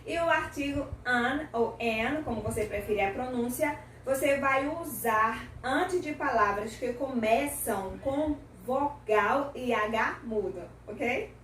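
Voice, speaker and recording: A woman's voice: fairly high pitch, takes it slowly, hardly any pauses, a bit bright, distant mic, slight background noise. A Brazilian woman teaching an English lesson, explaining patiently and checking in often with her listeners. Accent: Brazilian Portuguese. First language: Portuguese. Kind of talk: language lesson. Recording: echoey room, voice from off-mic.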